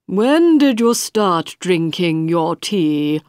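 A woman voicing a stern male king giving commands in court, slow and emphatic. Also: fairly low pitch, big pitch swings, a little mellow, clear, resonant tone, no echo, clean studio sound. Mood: commanding.

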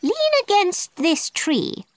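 A woman's voice: very high voice, big pitch swings, slow pace, no echo, voice pushed up, exaggerated voice. A woman reading a storybook aloud, voicing a bossy, commanding queen who urges and instructs. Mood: instructive. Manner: imperious, urging, instructive.

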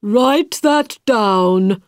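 A woman voicing a stern male king giving commands in court, slow and emphatic. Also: medium pitch, lively intonation, no room sound, studio quality. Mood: commanding.

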